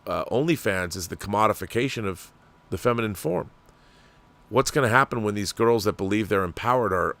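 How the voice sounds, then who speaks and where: A deep, gravelly, fairly bright male voice with an American accent hosts a livestream. The man, from Washington state, talks casually and discursively, offering opinions, reading and answering viewer messages, and tossing out rhetorical questions. It's conversational, opinionated commentary aimed at his viewers.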